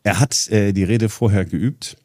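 A man's voice: lowish voice, unhurried, warm tone, no room sound, clean studio sound. A man presenting on a talk show in casual chat, explaining at length with many hesitations and restarts. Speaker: radio presenter.

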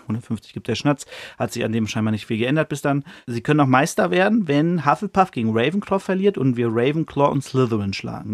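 Male podcast host, casual slangy storyteller, mid-pitched voice, dry close sound. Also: dry recording. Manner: loose and slangy, many fillers. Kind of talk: casual chapter retelling.

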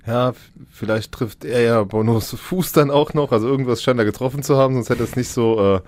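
A man's voice: medium pitch, a little fast, a little mellow. A man co-hosting a casual sports podcast, piecing his sentences together hesitantly. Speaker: podcast co-host.

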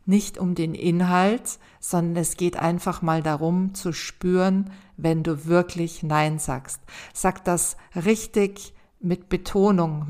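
A woman hosting a self-help podcast, calmly speaking straight to the listener and guiding them through exercises in a gentle, encouraging way. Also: fairly low pitch. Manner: calm, addresses the listener directly as "du". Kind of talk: scripted advice monologue.

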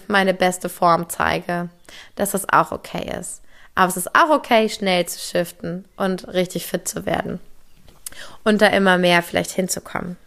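Fast, enthusiastic woman with vocal fry. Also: mid-range voice, fairly bright tone. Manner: enthusiastic, mixes in English words; talks quickly. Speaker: podcast host. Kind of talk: solo podcast talk.

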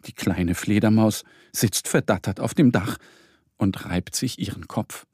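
Male storybook narrator, husky, lively pitch, dry close sound. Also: measured pace, no echo. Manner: expressive, gentle. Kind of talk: children's storybook reading.

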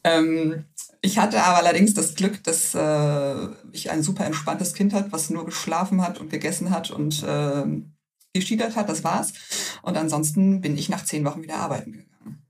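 A woman telling her story as an interview guest in a lively, anecdotal way, full of fillers and acting out the dialogue she quotes. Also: low-pitched, normal speed, far from the mic. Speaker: interview guest, salon owner.

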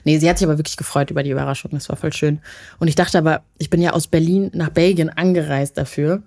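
A young woman co-hosting a relaxed bedtime chat, telling stories with a lot of laughter. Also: deep voice, fast. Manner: chatty, laughs at her own jokes. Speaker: podcast co-host.

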